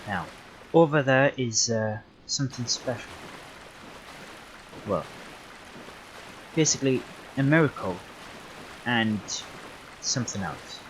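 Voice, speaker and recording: A young man talks his way through a livestreamed game in a loose, unhurried way. He rambles and backtracks with plenty of fillers. His voice sits at an ordinary middle pitch. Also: slight background noise, poor audio. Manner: relaxed, rambling, self-correcting with many fillers. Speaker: livestreaming gamer. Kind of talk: casual gameplay commentary.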